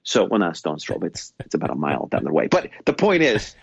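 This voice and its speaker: A man's voice: low voice, huge pitch swings, fast, gravelly, breathy edge, dry recording, dull audio. A man with a New York accent, co-hosting a podcast in a casual, rambling chat with many restarts and stammers. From New York State. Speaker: podcast co-host. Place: London.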